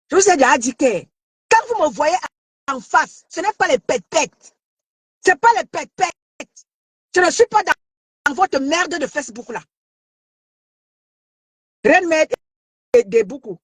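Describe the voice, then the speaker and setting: A woman from Cameroon delivers a heated online rant in a very high voice, confrontational and taunting, often shouting and stammering as she repeats herself. The sound is dry and close, with no room around it. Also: very animated, normal speed, long pauses, no room sound. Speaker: social media commentator.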